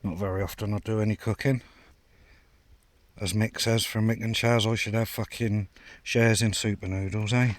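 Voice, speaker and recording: A man's voice: on the low side, level tone, moderate pace, no room sound. A man vlogging from his hammock at a night camp, chatting casually with lots of fillers and banter. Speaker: bushcraft vlogger. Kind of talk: casual outdoor vlog chat.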